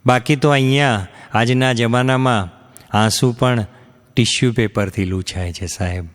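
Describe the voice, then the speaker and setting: A man doing stand-up storytelling, acting out the people in his jokes with shifts of voice. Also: normal speed. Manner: acts out quoted characters with shifts in pitch. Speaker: stand-up comedian. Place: live comedy stage before an audience. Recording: hall reverb from a live stage.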